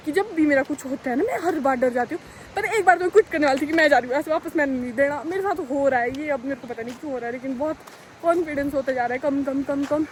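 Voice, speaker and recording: A woman's voice: sits high, a little hiss or hum, poor audio. A young woman vlogging on a phone as she walks along a road, chatty and self-mocking, with a dramatic streak. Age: young adult. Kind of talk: casual vlog talk. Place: outdoors on a road.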